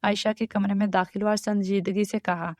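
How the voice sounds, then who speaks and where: A woman narrating a romantic story in a steady scripted reading. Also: medium pitch, dry recording, clean studio sound.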